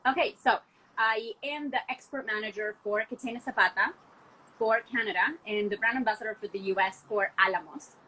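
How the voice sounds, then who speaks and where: A young woman from Argentina talks enthusiastically about wine in a loose, chatty way, leaning on "like" as she goes. Her voice is bright and forward. A faint background hiss runs under the video call. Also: mid-range voice, brisk, poor audio. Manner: enthusiastic, chatty, many "like" fillers. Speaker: wine export manager, guest. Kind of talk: casual podcast conversation. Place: home, from a window view of the city.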